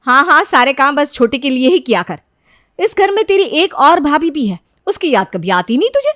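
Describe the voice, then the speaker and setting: Cartoon: shrill, bossy sister-in-law who is always complaining, put on by the woman narrator. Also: a little fast, dry recording, clean studio sound, natural voice. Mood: nagging. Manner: loud, scolding, high-pitched. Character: bossy young elder sister-in-law, nagging.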